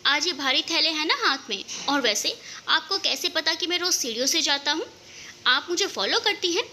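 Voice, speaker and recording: Woman doing a teasing young man, storybook reading, bright tone, faint background noise. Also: sits high, expressive, normal speed, exaggerated voice. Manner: playful, teasing.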